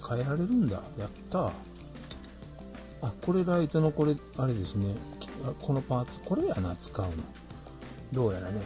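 A man with a Kansai accent chatting casually to himself while building a plastic model kit. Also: medium pitch. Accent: Kansai Japanese. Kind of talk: casual hands-on narration.

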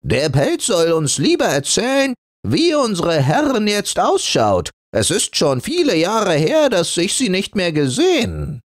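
A man's voice: high voice, wildly swooping pitch, measured pace, few pauses, no room sound, clean studio sound, voice pushed up, heavily acted. A man voicing an old male dressing gown, a curious elderly husband asking wistful questions.

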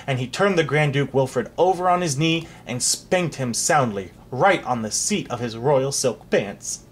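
Animated storybook read-aloud narrator. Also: medium pitch, measured pace, slightly rough. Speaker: reader.

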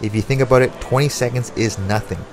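A man's voice: medium pitch, fast talker, noisy background. A man working as a boxing coach, calling out combinations and timing cues in short, motivational commands. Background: music.

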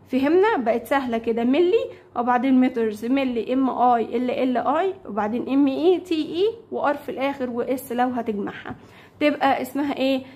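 A woman with an Egyptian Arabic accent gives a children's English lesson. Her voice sits high. She repeats each new word slowly and keeps checking that the pupils understand. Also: darkish tone. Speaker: primary school English teacher. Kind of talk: classroom lesson explaining vocabulary.

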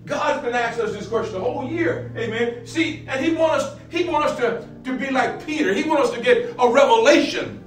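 A man's voice: very high voice, lively intonation, fairly quick. A middle-aged man, a pastor, teaching a Bible lesson, repeating phrases and building to emphatic peaks. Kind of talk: sermon-style Bible lesson. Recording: roomy, distant echo with faint music.

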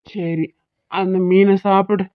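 Woman doing a gentle coaxing cartoon father. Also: mid-range voice, takes it slowly, smooth, close to an everyday voice. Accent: southern Tamil Nadu. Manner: coaxing, calm lecturing. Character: gentle indulgent father, patient and soothing. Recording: tinny phone-like sound.

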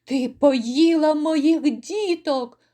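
Here is a grief-crazed Cossack father, torn between fury and despair, as a woman puts him on in a poetry reading. His cries come high and slow, each word stretched out in anguish. The lament swells loud and raw. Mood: raging lament. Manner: anguished shouting and lament, drawn out. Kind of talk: dramatic poetry recital.

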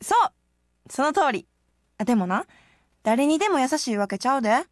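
A woman's voice: high voice, very animated, moderate pace, dry recording, clean studio sound. An actress voicing a blunt, teasing young idol girl in a dating game, speaking with a Kansai accent.

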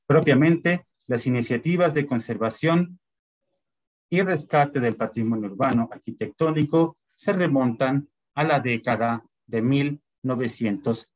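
A man giving a lecture online, reading out dates and lists with many fillers. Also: mid-range voice.

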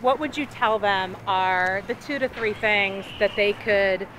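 A woman's voice: medium pitch, measured pace. A woman in her thirties interviewing a colleague with friendly, affirming questions while walking through a park. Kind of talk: outdoor walk-and-talk interview. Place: outdoor city park. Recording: outdoor traffic noise.

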